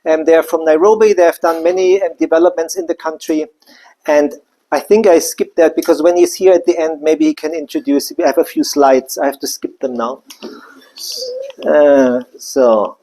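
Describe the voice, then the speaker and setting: With a mellow, mid-range voice, steady tone and moderate pace, a presenter from Germany speaks for their company at a live business event. The delivery is loose and chatty, full of side remarks.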